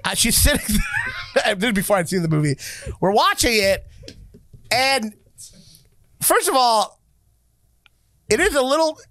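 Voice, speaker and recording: A man hosting a podcast, chatting casually in animated, jokey rants with plenty of swearing. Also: very high-pitched, unhurried, long pauses. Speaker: podcast host. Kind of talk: casual chat.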